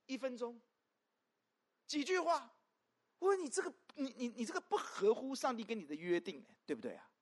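A pastor preaching a sermon to a congregation, peppering it with rhetorical questions and swinging between loud emphatic calls and soft asides. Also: mid-range voice, moderate pace, long pauses, husky. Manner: animated, constant rhetorical questions to the listeners.

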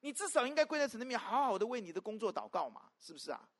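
A pastor preaching a sermon to a congregation, peppering it with rhetorical questions and swinging between loud emphatic calls and soft asides. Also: medium pitch, racing. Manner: animated, constant rhetorical questions to the listeners.

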